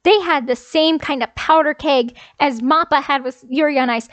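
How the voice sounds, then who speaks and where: A woman's voice: high-pitched, moderate pace, no room sound. A young adult woman vlogger ranting casually, repeating her points for emphasis. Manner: emphatic, repeats phrases for effect. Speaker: anime commentary vlogger. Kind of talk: casual rant.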